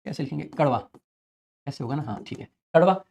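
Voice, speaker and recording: Guy teaching vocab tricks, rattles off words quick, chants them over and over. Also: on the high side, expressive, creaky, darkish tone, breathy edge. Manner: fast, chatty, repeats key words in chanting rhythm. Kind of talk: exam-prep vocabulary lesson with memory tricks.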